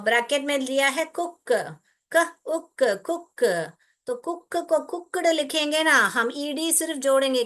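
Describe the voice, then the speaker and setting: A woman's voice: high voice, a bit bright. A woman teaching an English grammar lesson in an online class, patiently spelling words letter by letter for her pupils.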